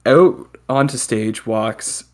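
A young man joins a podcast remotely over a call, joking and spinning stories in casual conversation. He speaks slowly in a mid-range voice, coming across as a chatty storyteller with a joking streak.

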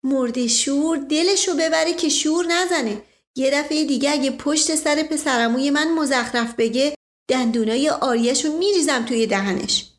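A woman's voice: high-pitched, voice pushed up, lightly acted. A woman voicing a fiery older noblewoman who talks bluntly and scolds. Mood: furious.

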